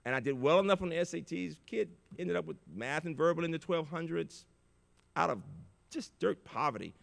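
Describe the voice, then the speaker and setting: An older man giving an inspirational keynote speech at a conference, telling stories with big emotional swings in loudness. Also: fairly high pitch, animated, a little fast, gravelly. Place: large conference auditorium. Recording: reverberant conference hall.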